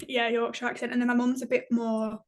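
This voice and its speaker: A woman's voice: fairly high pitch, level tone, fairly quick. A young woman from England with a northern English accent, hosting a casual podcast chat, giggly and self-mocking. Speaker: podcast host.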